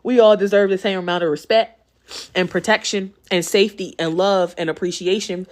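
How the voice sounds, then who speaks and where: A woman's voice: mid-range voice, fairly even intonation, fairly quick. A woman with a Baltimore accent hosts a casual ask-me-anything vlog. She talks in a blunt, profane, streetwise way, laughs easily and keeps checking in with "okay?" as she goes. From Baltimore, West Side. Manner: chatty, loops back with "okay?" and "you know what I'm saying". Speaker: host answering viewer questions.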